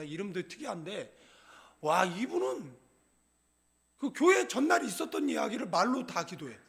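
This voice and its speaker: A man's voice: very high voice, gravelly, fairly bright tone. A middle-aged male pastor preaching in a church, joking and conversational, often checking in with his congregation. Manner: humorous, conversational, asks the congregation "예?". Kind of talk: sermon. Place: church sanctuary.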